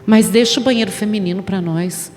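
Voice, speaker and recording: A woman pastor preaching a sermon, telling a story with animated emphasis and asking the congregation rhetorical questions. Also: medium pitch, a little fast, in a large hall, a little hiss or hum. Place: church hall.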